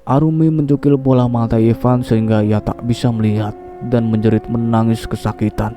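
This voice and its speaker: A man narrates a scripted horror story at a middle pitch. He keeps his reading steady. Clear music runs under his voice. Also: fairly quick. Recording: voice over clear background music.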